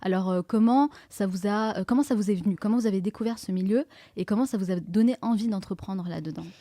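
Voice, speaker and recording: A woman's voice: medium pitch, fast talker, mellow, no echo. A woman interviewing a guest in an attentive, polite, conversational way. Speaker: interviewer, show host.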